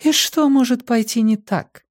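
A male reader voicing a sharp-tongued, sarcastic young woman in an audiobook, lifting his voice higher and sounding mocking. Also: measured pace, no room sound, studio quality, lightly acted.

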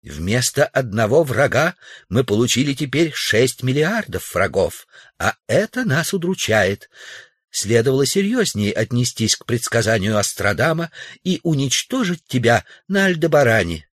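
A man's voice: medium pitch, sing-song, normal speed, slightly rough, dry recording, clean studio sound. A man voicing a collective of alien microbes who speak pompously and solemnly declare their conquest.

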